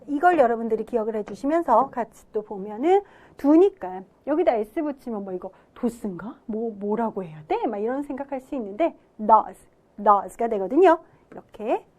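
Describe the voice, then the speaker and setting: A woman teaching an English grammar lesson, explaining step by step and asking questions that she then answers herself. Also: high voice. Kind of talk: classroom grammar lecture.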